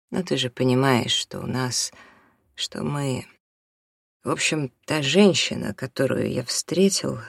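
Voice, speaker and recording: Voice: medium pitch, gravelly, no room sound, clean studio sound. Reader voicing a pleading middle-aged father. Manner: pleading, defensive, rising to near shouting. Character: middle-aged father leaving his family, self-justifying. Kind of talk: audiobook character reading.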